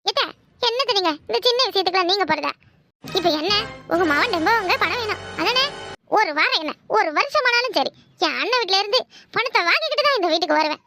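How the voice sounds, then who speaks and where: A woman voicing a theatrical young wife in a cartoon who laments loudly and makes bold vows. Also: very high-pitched, lively intonation, fast, faint music behind, exaggerated voice. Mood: defiant. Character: dramatic young wife, wailing and scheming.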